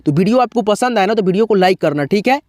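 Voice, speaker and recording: A man's voice: high voice, lively intonation, a little mellow, no room sound, clean studio sound. A man teaching a beginners' alphabet lesson, asking questions and answering them himself, then chanting syllables one by one. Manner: repetitive, asks and answers his own questions; drawn-out chanted syllables in drills. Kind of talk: blackboard-style alphabet lesson.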